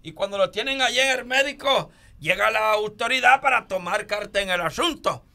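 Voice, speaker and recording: A man telling a comic joke at an even pace, voicing its dialogue. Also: sits high, normal speed, gravelly. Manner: steady storyteller voicing dialogue. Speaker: comedian telling jokes.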